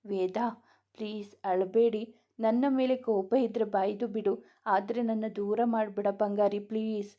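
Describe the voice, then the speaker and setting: A woman's voice: medium pitch, steady tone, a little slow, mellow, close to an everyday voice. Woman voicing Veda, a remorseful young husband. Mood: remorseful pleading. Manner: pleading, tender.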